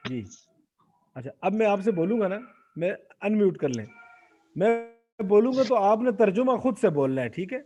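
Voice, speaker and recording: A man's voice: high voice, very animated, muffled recording. A man teaching Arabic grammar in an online class, putting questions to his students and having them answer aloud. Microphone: video call.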